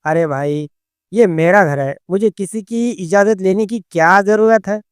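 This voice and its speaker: A man's voice: high-pitched, measured pace, smooth, no echo, clean studio sound. A man voicing a boastful young male cousin with a hero-like swagger, from a storybook narration. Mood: defensive.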